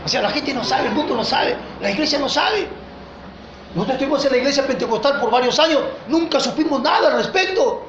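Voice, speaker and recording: High-voiced Peruvian pastor preaching in an echoey hall. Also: male voice, a little fast. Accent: Peruvian Spanish. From Peru. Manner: impassioned preaching, swinging between loud peaks and low asides; addresses listeners as "hermano". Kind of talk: sermon. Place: church hall. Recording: echoey church room, dull lo-fi sound, faint noise.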